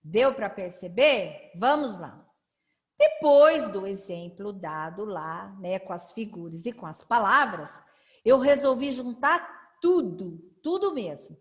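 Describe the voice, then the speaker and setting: A woman's voice: medium pitch, animated. A woman teaching a children's literacy lesson, drawing out syllables and asking the children to read along. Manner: slow, drawn-out syllables for children to repeat; sing-song, encouraging classroom prompts.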